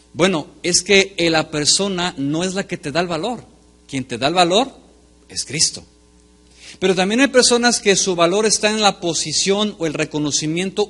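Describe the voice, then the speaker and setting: A middle-aged male pastor giving a sermon, speaking straight to his congregation and swinging between forceful and quiet delivery. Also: a little high. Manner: emphatic preaching that swings between loud and soft.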